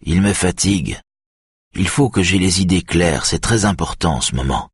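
A man's voice: deep voice, moderate pace, breathy edge, no echo, clean studio sound, full character voice. A man voicing a terse, troubled man. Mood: tense. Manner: calm, terse replies. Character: adult man, tense, troubled, guarded.

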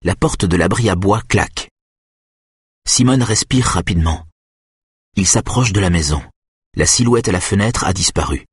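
A man narrating a suspense audiobook in a measured, tense way. His low voice is husky and breathy, and the recording is close and entirely dry, with no room sound. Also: animated, no echo.

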